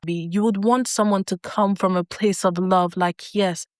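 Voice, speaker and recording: A woman coach talks straight to her viewers in an earnest motivational tone, repeating key phrases slowly for weight. Her voice sits at an ordinary middle pitch. The recording is dry and close, with no room echo. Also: fairly even intonation. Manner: earnest, slow emphatic repetition. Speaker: self-concept coach.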